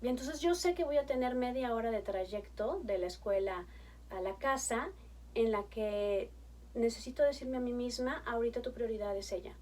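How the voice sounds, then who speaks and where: A woman in her thirties, a family therapist, giving conversational parenting advice, lively and acting out chats with her children. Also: fairly high pitch, moderate pace, far from the mic. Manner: animated, acts out chats with her kids in a bright coaxing tone.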